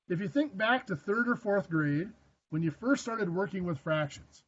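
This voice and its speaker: Higher-voiced man teaching math in class. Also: a bit bright, dull audio. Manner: dry joking asides, self-deprecating; asks the class questions. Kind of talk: classroom lecture.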